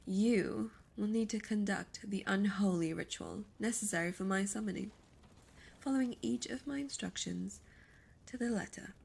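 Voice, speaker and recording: Voicing a demon succubus for ASMR roleplay, a woman sounds seductive and imperious, breathing and whispering her formal, teasing, menacing lines. Her voice is medium-pitched, a little mellow, at a normal pace, carrying a longing, commanding mood.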